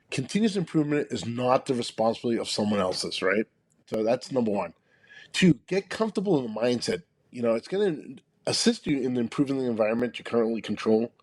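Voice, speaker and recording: A man's voice: mid-range voice, a little mellow, dry recording, studio quality. A man co-hosting a business podcast who explains his points emphatically and often ends them with "right?". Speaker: podcast co-host, consultant. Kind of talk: casual podcast conversation.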